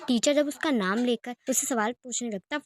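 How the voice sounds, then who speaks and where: A woman's voice: on the high side, normal speed, a little hiss or hum. A woman narrating a fan fiction story in a conversational, retelling manner.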